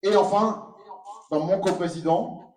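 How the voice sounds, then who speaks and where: A man gives a welcome speech at an event, speaking very slowly and haltingly. His voice is recorded from a distance in an echoey hall with faint background noise. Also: high voice, darkish tone. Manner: slow, halting, many fillers. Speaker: co-president of the tournament.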